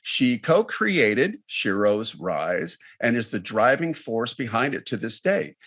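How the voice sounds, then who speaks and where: A man co-hosting a podcast, bringing plenty of enthusiasm to the intros. His pitch moves a lot, rising and falling with real animation. He leans on key words as he introduces the guest. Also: sing-song, slow, fairly bright tone, husky. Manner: enthusiastic, reads intros with emphasis. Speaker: podcast co-host.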